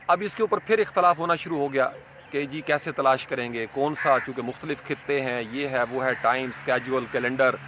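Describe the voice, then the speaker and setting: Bright-voiced man lecturing. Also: medium pitch, a little hiss or hum. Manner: reflective, explains with English terms mixed in. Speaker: Islamic scholar. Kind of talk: religious lecture.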